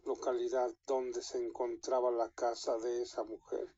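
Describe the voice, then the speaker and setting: A man with a Mexican accent telling a scary story in an unhurried way, with small restarts mid-sentence. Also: medium pitch, little pitch movement, mellow, husky, lo-fi sound.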